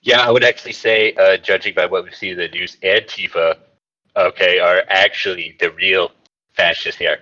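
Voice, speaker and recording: Man for a mock-serious comedy podcast host, deep and bright-edged, halting delivery, dull lo-fi sound. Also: steady tone. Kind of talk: satirical comedy podcast chat.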